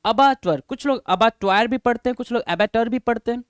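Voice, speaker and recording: A man's voice: very high voice, quick pace, dry recording, studio quality. A man teaching English vocabulary in a coaxing, repetitive manner, often calling his learners sir and brother. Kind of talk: vocabulary lesson.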